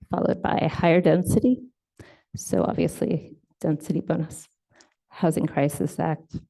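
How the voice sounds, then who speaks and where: Low, gravelly-voiced woman presenting slides. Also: dark tone. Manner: explanatory, with fillers and self-corrections. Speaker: state housing enforcement staff presenter.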